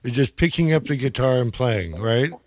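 With a crowd audible behind him, an older interviewer host of about seventy chats casually with his guest. His mid-range voice moves at normal speed, and he's friendly and eager, frequently exclaiming with surprise.

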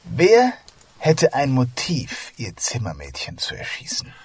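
A performer playing a composed, methodical detective inspector in a murder-mystery drama, measured, dry and polite. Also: medium pitch, very animated, breathy edge, dry recording. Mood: composed questioning.

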